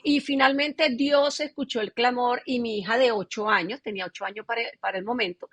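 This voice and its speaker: Pastora venezolana de voz algo aguda y velada. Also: female voice, on the high side, brisk, breathy edge, dry recording. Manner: animated storyteller acting out quoted dialogue. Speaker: pastor giving her testimony. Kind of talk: conversational testimony in an interview.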